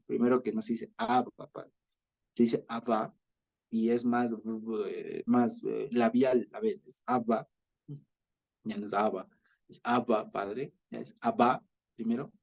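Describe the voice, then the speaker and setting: A man with an Ecuadorian accent teaching a Bible study, explaining slowly and often checking that his listeners follow. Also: medium pitch, creaky, a little mellow. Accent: Ecuadorian Spanish. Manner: explanatory, repeats himself with many fillers and checks for understanding. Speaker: preacher.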